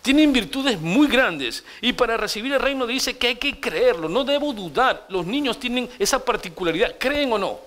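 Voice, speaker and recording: A middle-aged man delivers a sermon as pastor, his voice sitting noticeably high for a man. He preaches in an animated, storytelling way and turns often to his listeners with direct questions. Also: moderate pace, few pauses.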